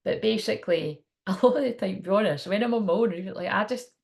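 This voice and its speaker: Creaky-voiced woman chatting informally. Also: mid-range voice, fast talker, darkish tone. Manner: rambling, informal. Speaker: spiritual teacher. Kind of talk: casual chat to camera.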